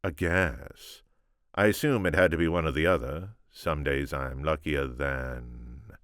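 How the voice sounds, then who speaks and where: A man's voice: very deep voice, measured pace, fairly bright tone, no echo, clean studio sound. A man voicing a haughty, sly nobleman count in a read-aloud story, with a cool, probing, mildly mocking manner.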